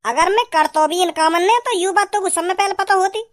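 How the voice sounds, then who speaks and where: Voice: extremely high pitch, a little fast. A performer voicing a cartoon young man who pleads and explains himself. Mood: defensive. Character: easygoing young male friend, defensive.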